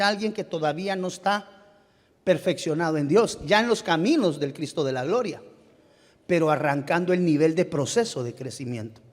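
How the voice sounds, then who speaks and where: Preaching in a church sanctuary with long hall reverb, this pastor has a high-sitting voice and a Guatemalan Spanish accent. He often pauses to find the right word, restarts phrases, and addresses listeners as "beloved brother".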